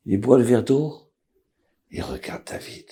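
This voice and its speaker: A man, a rabbi, tells a story dramatically and drops to a hush at tense moments. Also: medium pitch, unhurried, husky.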